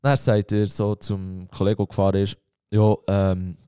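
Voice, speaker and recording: A man's voice: lowish voice, level tone, moderate pace, dark tone, clear, resonant tone, no echo, clean studio sound. A man, telling a story to friends in a casual chat and acting out the voices of the people in it. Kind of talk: casual anecdote.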